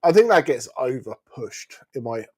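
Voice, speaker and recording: A man's voice: medium pitch, big pitch swings, normal speed, breathy edge. A man presenting wine in casual conversation, opinionated, wry and blunt.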